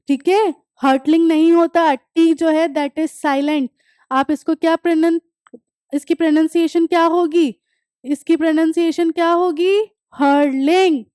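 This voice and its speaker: A woman's voice: very high voice, darkish tone, dry recording, studio quality. A young woman teaching an English lesson, reading textbook lines and explaining them in Hindi, repeating words to drill their pronunciation. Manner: reads English text slowly, then explains in Hindi. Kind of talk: classroom lecture explaining a textbook chapter.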